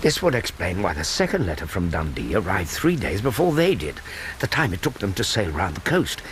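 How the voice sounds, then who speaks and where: An actor with an English accent playing an earnest, curious Victorian doctor, a loyal companion, in a radio drama. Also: male voice, deep voice, sing-song, a little fast, fairly bright tone, slight background noise. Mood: thoughtful.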